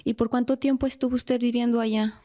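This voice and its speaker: High, mellow-voiced church radio host. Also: female voice, little pitch movement, a little fast. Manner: devout, often breaking in with praise and amens.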